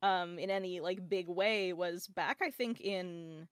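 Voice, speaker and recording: A woman's voice: lowish voice, fairly even intonation, measured pace. A woman guest on a casual podcast, chatting fondly and rambling with frequent restarts as she talks about her streaming characters. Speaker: podcast guest, VTuber and artist.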